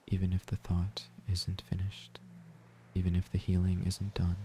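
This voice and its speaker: Soft, low-pitched man guiding sleep meditation. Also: creaky, slight background noise. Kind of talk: slow, soft-spoken guided sleep meditation. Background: ocean waves and gentle music.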